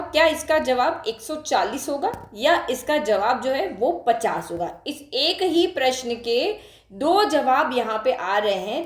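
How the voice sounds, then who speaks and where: A woman's voice: high voice, echoey room. A woman math teacher, explaining a lesson to students, asking them questions and repeating key points. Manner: talks straight to students, asks questions, repeats for emphasis. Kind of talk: classroom lesson explaining on a board.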